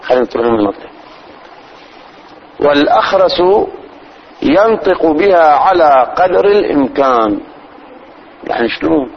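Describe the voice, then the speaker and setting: A man, teaching religious law as a sheikh. He explains slowly, repeats phrases and demonstrates pronunciation. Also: a little high, expressive, muffled recording, a little hiss or hum. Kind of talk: religious lesson.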